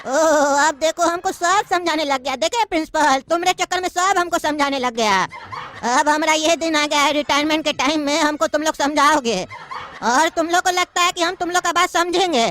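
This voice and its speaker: A woman's voice: high voice, moderate pace, fairly bright tone. A woman voicing a pompous old male judge near retirement in a cartoon comedy, speaking in a bossy, mocking, lecturing way.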